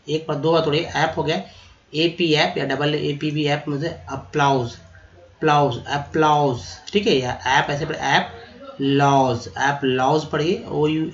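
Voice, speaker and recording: A man teaching vocabulary, spelling words out letter by letter, repeating them slowly and calling his viewers friends. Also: fairly high pitch, lo-fi sound. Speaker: English teacher. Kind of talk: vocabulary lesson.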